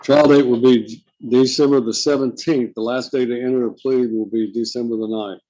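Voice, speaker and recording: A man speaking as a judge in formal court proceedings, measured and procedural, with occasional hesitation. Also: mid-range voice, fairly even intonation, dark tone, low-quality recording. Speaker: judge presiding over a court docket. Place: indoor courtroom.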